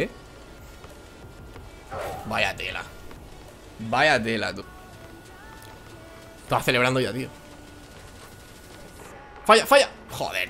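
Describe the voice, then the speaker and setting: A young man from Spain, slightly hoarse from a cold, giving casual, excitable gameplay commentary. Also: mid-range voice. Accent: Spain Spanish. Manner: excitable, swings into shouting and laughing. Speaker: gaming YouTuber. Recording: music playing underneath.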